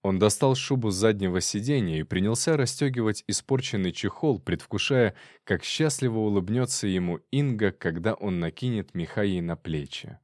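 Brief: male storyteller, low voice, expressive reading, dry studio. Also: normal speed, hardly any pauses, no room sound. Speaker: narrator. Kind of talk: scripted audiobook narration.

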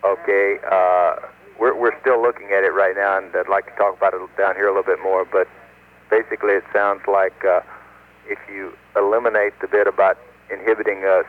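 An American man working as a mission control communicator, talking matter-of-factly over a spaceflight radio link. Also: sits low. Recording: narrow tinny radio line, noisy static.

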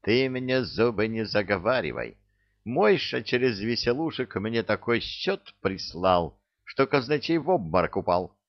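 A man voicing a stern, irritable tsar with a gruff, commanding manner, in an audiobook. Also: lowish voice, animated, measured pace, dry recording, dull audio, pitched above the performer's own voice.

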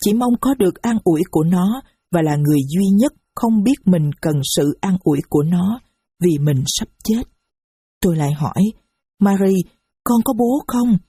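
A woman's voice: on the low side, animated, moderate pace, dark tone, breathy edge, no room sound, clean studio sound. A woman narrating a first-person story with a grave, sorrowful delivery. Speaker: audiobook narrator.

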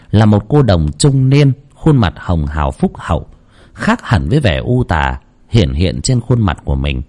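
A man narrating a horror story with dramatic, expressive delivery. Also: fairly low pitch.

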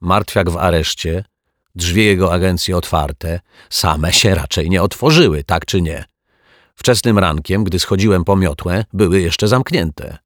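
A man's voice: low voice, measured pace, no room sound, clean studio sound. A man reading a children's story, voicing a confused building caretaker who hesitates and stammers as he talks. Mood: flustered.

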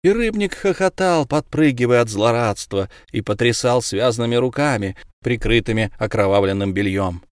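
A man narrating a storybook in an expressive reading. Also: mid-range voice, moderate pace, hardly any pauses, no room sound, studio quality. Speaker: audiobook narrator. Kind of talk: scripted narration.

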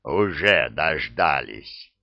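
A man doing a deep, grumbling giant. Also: sing-song, takes it slowly, vocal fry, no echo, highs cut off, exaggerated voice. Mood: gloomy. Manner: grumbling, blunt. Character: gruff hulking male giant henchman.

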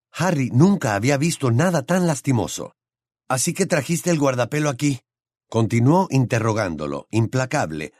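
Expressive male audiobook narrator. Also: medium pitch, dry recording, studio quality. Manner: expressive, dramatic reading.

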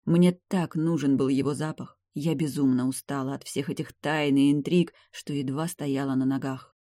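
A woman narrating a first-person fantasy audiobook with an expressive, dramatic reading. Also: very deep voice, moderate pace, no room sound, clean studio sound.

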